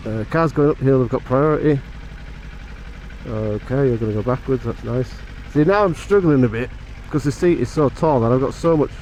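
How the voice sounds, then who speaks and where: A man's voice: mid-range voice, moderate pace, a little mellow, rough recording. A man chatting off the cuff as he rides a motorbike outdoors, giving a casual review commentary into a helmet mic with wind on it. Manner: off-the-cuff, chatty thinking aloud. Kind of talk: casual motovlog commentary while riding. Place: outdoors, riding a motorbike on mountain roads. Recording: wind and road noise on mic.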